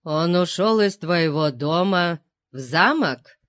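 A man's voice: on the high side, animated, slow pace, fairly bright tone, no room sound, clean studio sound. Man reading a curt stern interrogator. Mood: interrogating. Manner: curt, pressing questions. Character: stern male inquisitor, cold interrogator.

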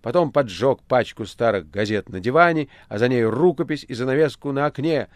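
A man narrating a literary audiobook with a measured, expressive reading. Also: mid-range voice, dry recording.

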